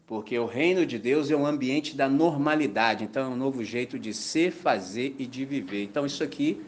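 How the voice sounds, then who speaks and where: A man with a Brazilian Portuguese accent preaching a sermon in a colloquial, animated storytelling way, full of slang. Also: mid-range voice, brisk, a little hiss or hum.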